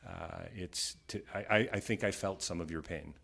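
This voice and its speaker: A man's voice: sits low, moderate pace, vocal fry, a bit bright. A man hosting an interview podcast, asking long rambling questions full of restarts and praise. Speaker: podcast host. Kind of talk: interview chat.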